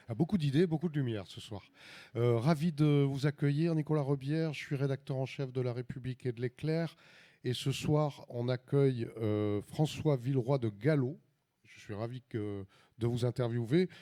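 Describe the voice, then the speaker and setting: A man hosting a live public interview in an informal, halting way, often repeating his words. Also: medium pitch, dark tone.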